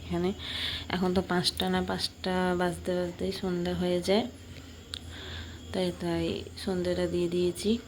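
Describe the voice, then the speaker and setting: A woman's voice: lowish voice, completely flat delivery, normal speed, pauses often, slight background noise. A woman chatting casually to her viewers as she films a home vlog on a phone camera. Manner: chatty, friendly, often addresses viewers as friends. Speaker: home vlogger.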